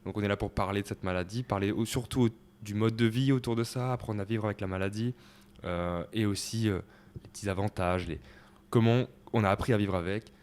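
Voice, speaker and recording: A young man in his twenties hosting a casual talk show, relaxed and joking, with many fillers. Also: fairly low pitch, brisk, clear, resonant tone. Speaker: podcast host. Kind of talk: casual conversation.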